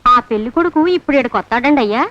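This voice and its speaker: An actress playing an eager, obliging rustic maid in a film comedy. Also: female voice, a little high, lively intonation, fast talker, fairly bright tone. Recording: dull film audio with faint noise.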